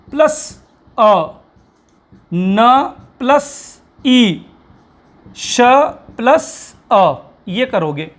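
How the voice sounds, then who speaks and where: A man's voice: very high-pitched, fairly bright tone. A man teaching a Hindi grammar lesson in a patient classroom manner, often asking questions and then answering them himself. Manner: patient, repeats reminders to pay attention. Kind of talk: classroom lecture.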